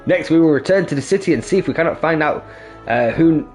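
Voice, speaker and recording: A man voicing a pompous, self-important gentleman inspector from a video game, speaking in a florid, theatrical way. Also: fairly high pitch, fast, faint music behind, voice pushed up, close to an everyday voice. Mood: grandiose.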